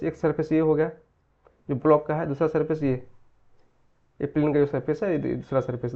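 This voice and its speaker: Gravelly man teaching a physics lesson. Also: a little high, phone-quality sound. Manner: repeats key phrases slowly for emphasis; asks and answers his own questions. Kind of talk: Hindi-English mixed exam-prep lecture.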